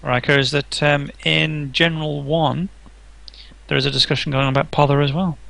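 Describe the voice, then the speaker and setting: A man co-hosting a live game stream, talking hesitantly with many pauses and laughing often. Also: fairly high pitch, fairly even intonation, creaky, a bit bright. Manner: hesitant, lots of ums, laughs a lot. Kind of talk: casual chat on a live stream.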